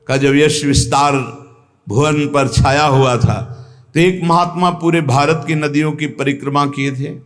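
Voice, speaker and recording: A man gives a devotional sermon in a North Indian Hindi accent. His earnest, emphatic voice sits somewhat high, and he repeats key phrases for weight. A long hall reverb follows every line. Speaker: spiritual teacher giving satsang. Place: ashram hall.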